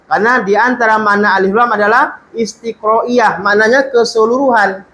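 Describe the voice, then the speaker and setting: A man teaching an Arabic lesson to a class. He reads Arabic slowly aloud, explains it, and puts questions to his students. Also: sits high, fairly even intonation, sharp tone, low-quality recording.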